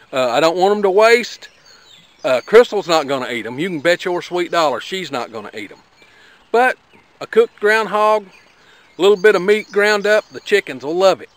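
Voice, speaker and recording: Outdoors by a garden, a middle-aged homesteader vlogger with an Appalachian accent demonstrates something while talking in a plainspoken, folksy, slightly rambling way full of fillers. His voice is fairly high with a fairly bright tone, and birds and rural sounds carry in the background.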